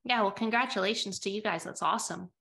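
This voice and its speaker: A woman's voice: medium pitch, fast talker, gravelly, pushed and bright. A woman who is a guest on a podcast, chatting in a playful, joking way. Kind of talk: casual podcast chat.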